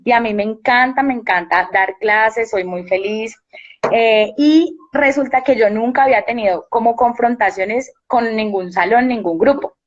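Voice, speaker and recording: A woman's voice: on the high side, normal speed, dull audio. A young woman, a university teacher talking earnestly and reflectively as a guest in a casual live-stream chat. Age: young adult.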